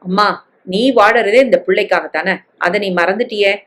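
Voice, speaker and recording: A woman's voice: mid-range voice, normal speed, fairly bright tone, close to an everyday voice. A woman voicing a firm, protective housekeeper who looks after a girl.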